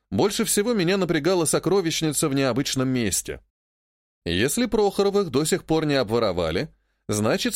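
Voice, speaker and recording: A man reading a fantasy audiobook in first person as narrator, in a steady storytelling manner on a close mic. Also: a little high, no room sound.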